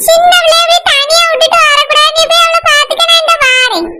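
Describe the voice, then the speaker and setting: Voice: very high-pitched, steady tone, brisk, heavy background noise. Someone voicing a sly old cartoon mother-in-law. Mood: pleading. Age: older. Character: old mother-in-law feigning illness, sly but gentle.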